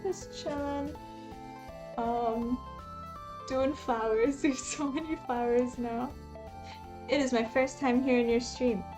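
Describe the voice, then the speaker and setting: A woman from Palestine streaming while she cross-stitches, chatting casually with viewers, reading chat aloud and laughing softly. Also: high voice, steady tone, takes it slowly, pauses often, music in the background. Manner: laid-back, chatty, frequent soft laughs, reads chat aloud. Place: home, lives in Taiwan.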